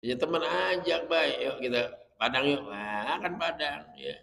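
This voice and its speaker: A man's voice: a little high, measured pace, vocal fry, a bit bright. A man giving a religious study lecture as a teacher, chatty and jokey while explaining Arabic terms. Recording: long hall reverb.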